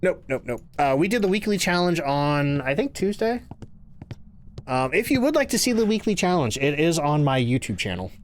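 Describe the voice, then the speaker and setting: Animated man live-streaming a horror game. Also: on the high side, moderate pace. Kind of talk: casual live game commentary, chatting with viewers.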